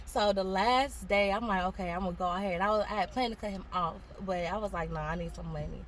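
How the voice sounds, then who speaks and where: Young woman, guest storyteller, fast and lively delivery, acts out quoted voices. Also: mid-range voice, a little hiss or hum. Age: young adult. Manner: animated, acts out quoted voices, laughs often. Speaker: guest telling her story. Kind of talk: casual storytelling.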